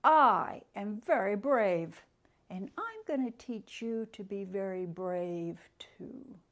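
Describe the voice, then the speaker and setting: A woman voicing an old, brave male ghost war horse who speaks loudly and proudly. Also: lively intonation, slow, a little hiss or hum. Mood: proud, rousing. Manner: loud, booming and declaiming.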